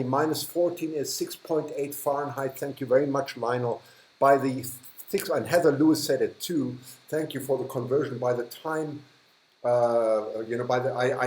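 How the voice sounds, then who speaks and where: A German-accented man hosts a casual livestream, reading viewer comments, chatting, laughing often, and trailing off mid-sentence. His voice is medium-pitched, and the low-quality recording has an echoey room sound with a little hiss or hum.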